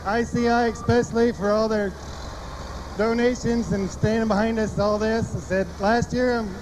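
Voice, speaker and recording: A man's voice: high-pitched, little pitch movement, moderate pace. A man talking plainly and casually as a modest, grateful competitor being interviewed. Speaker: winning tractor puller being interviewed. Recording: noisy live arena, engines behind.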